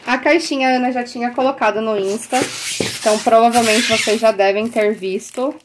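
A young adult woman with a Brazilian Portuguese accent, a teacher chatting excitedly to the camera as she unboxes stationery and breaks into delighted exclamations. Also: on the high side, fairly quick, noisy background. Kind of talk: casual unboxing chat to the camera.

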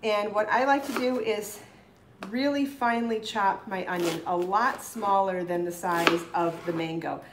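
In an echoey home kitchen, a middle-aged woman hosting a live cooking demonstration explains each step at a measured pace, her mid-range voice fairly even in intonation. A fixed camera across the counter records her, with knife chopping on a cutting board in the background.

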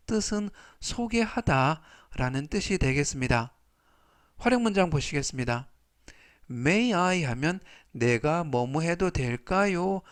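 A man teaching English vocabulary in a formal, polite way, repeating each word three times with slow, careful pronunciation. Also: on the high side. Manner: polite, formulaic explanations.

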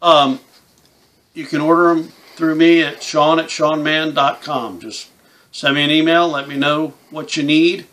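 A man's voice: fairly high pitch, steady tone, measured pace, fairly bright tone. A man in his fifties giving a casual, plain-spoken hands-on tutorial, explaining things step by step in an informal way. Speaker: instructor, game call maker. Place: small indoor room with camouflage backdrop.

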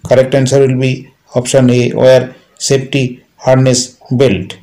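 A man reading multiple-choice quiz questions and answers aloud as a teacher, in a steady, repetitive listing manner. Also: medium pitch, unhurried, rough recording.

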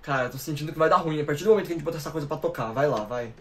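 Game music plays as a young gaming YouTuber, nineteen and speaking with a Brazilian Portuguese accent, reacts to a horror game at a very fast clip. His voice is on the high side and fairly bright, with a little hiss or hum, and he talks straight to his audience in slangy, jumpy bursts, shrieking and repeating himself.

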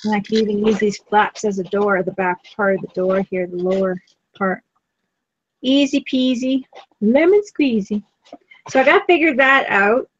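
A woman's voice: mid-range voice, normal speed, no echo, lo-fi sound. A woman co-hosting a live craft stream, chatting in an easygoing way while she works.

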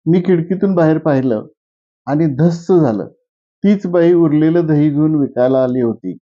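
A man narrates a comic tale in the first person with steady, plain delivery. His voice is fairly high yet dark and mellow in tone. The recording sounds dull and lo-fi. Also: normal speed. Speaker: storyteller. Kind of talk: reading a humorous short story aloud.

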